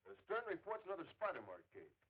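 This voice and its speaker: An actor playing a brisk, wry young man in a 1930s film serial. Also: sits high, wildly swooping pitch, breathy edge, exaggerated voice. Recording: dull old film soundtrack.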